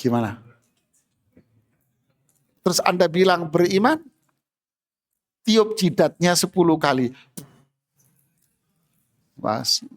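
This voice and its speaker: A man's voice: sits high, big pitch swings, takes it slowly, long pauses. A male Islamic preacher, giving a humorous sermon in a mosque and acting out everyday scenes.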